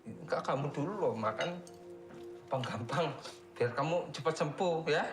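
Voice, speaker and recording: A man's voice: a little high, expressive, moderate pace, over music. A young man playing a broke older brother who pleads over and over in a comedy film. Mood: tender. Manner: pleads over and over, frantic then tender. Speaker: older brother, taxi driver.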